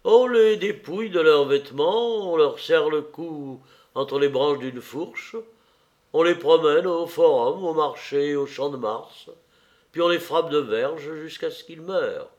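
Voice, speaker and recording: A man voicing a cold, vengeful young eunuch servant who speaks slowly and coldly in an audiobook reading. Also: a little high, darkish tone, dull audio, pitched above the performer's own voice, close to an everyday voice. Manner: cold, slow delivery.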